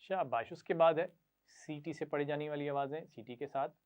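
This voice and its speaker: A man teaching children Quran reading, patiently sounding out syllables for them to repeat and praising them often. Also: a little high. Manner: patient, repeats syllables slowly for pupils to echo; frequent praise. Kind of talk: classroom lesson to children. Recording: tinny phone-like sound.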